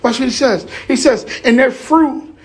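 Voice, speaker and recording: A man preaching a lively sermon, getting excited, shouting and laughing as he explains scripture. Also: very high voice, moderate pace.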